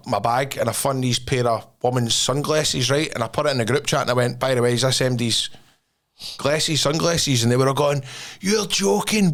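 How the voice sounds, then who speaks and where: A Scottish man hosting a podcast, telling stories in animated, sweary slang and casual banter. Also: medium pitch. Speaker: podcast host.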